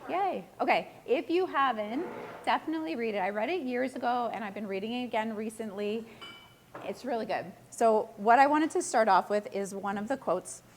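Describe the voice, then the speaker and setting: A woman real estate agent gives a casual live presentation to a room, hoarse and nearly losing her voice. Chatty and self-deprecating, she puts questions to the audience. Her voice is a little high at a normal speed, with slight background noise.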